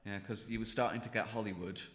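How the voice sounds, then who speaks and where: A man's voice: on the low side, steady tone, fast. A man hosting a podcast in a casual, chatty style. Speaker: podcast host. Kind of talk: casual chat. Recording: echoey, reverberant room.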